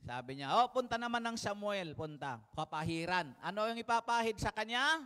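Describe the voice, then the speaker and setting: A man's voice: high-pitched, lively intonation, moderate pace, bright, forceful tone. A man preaching a sermon to a congregation, telling the story vividly and asking them questions. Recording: reverberant hall.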